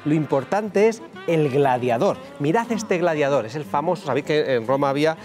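A man's voice: a little high, expressive, normal speed, a little mellow, faint music behind. A man talking casually as a guest magician, friendly and jokey, explaining a card trick to viewers. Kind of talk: casual TV chat.

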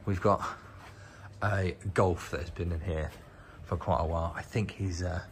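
Inside a car workshop, the host of a channel on rotten old cars talks casually and off the cuff as he walks around. This British vlogger has a low-pitched, steady voice at a measured pace, and a little hiss or hum runs beneath it.

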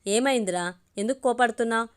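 A woman's voice: on the high side, fast, clean tone, close to an everyday voice. A woman reading the lines of a playful, fond younger sister in an audio story, coaxing and teasing.

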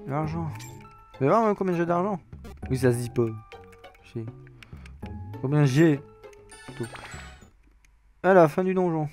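A French man commentating his own game run, joking crudely and swearing through it. His voice sits slightly high, with faint music behind him. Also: lively intonation, measured pace, long pauses, darkish tone. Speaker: let's play host. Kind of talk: casual gaming commentary.

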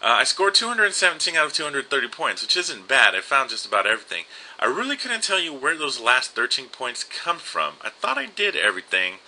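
A man's voice: medium pitch, sing-song, brisk, bright, forceful tone, rough recording. A young man casually commenting on an old adventure game and reading its text aloud. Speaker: let's play host.

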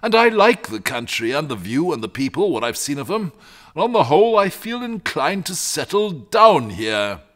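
A man's voice: fairly high pitch, big pitch swings, moderate pace, voice pushed up. A man voicing a lazy, chatty old-fashioned dragon. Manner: rambling, fussy, old-fashioned gentlemanly talk. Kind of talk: storybook reading.

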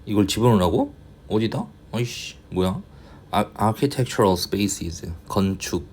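Grumbling low-voiced male English tutor. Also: animated, darkish tone, a little hiss or hum. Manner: thinks aloud, grumbles and mutters to himself; reads English slowly, explains in quick Korean. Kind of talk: casual reading-passage lecture.

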